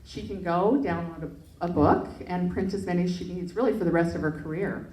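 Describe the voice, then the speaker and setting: A woman's voice: fairly low pitch, fairly quick, darkish tone. A woman presenting an education project and answering questions, earnest, with frequent fillers and restarts. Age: adult parent. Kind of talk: pitch presentation and Q&A. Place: event hall. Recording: echoey room, mic from far off.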